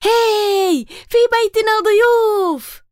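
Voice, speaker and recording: A woman voicing a lively, excitable little girl who talks eagerly in exclamations. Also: very high-pitched, moderate pace, no echo, studio quality, voice pushed up. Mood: excited.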